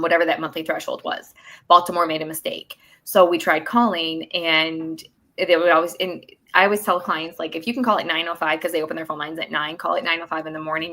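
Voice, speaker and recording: This talk-show guest, a work incentives coordinator, explains benefit rules in a long, casual, podcast-style chat full of fillers. Her voice is deep and a bit bright.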